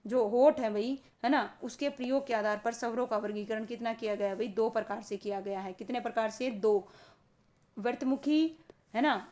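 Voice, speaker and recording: A woman teaching a grammar lesson for exam students, who keeps asking the class questions and answering them herself and slows down to stress key terms. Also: on the high side, a little mellow.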